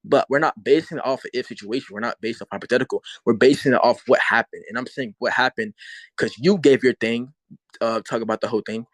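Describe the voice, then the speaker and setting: A man's voice: medium pitch, quick pace, no echo, poor audio. A man arguing in a heated casual debate, repeating himself and swearing as he pushes his point.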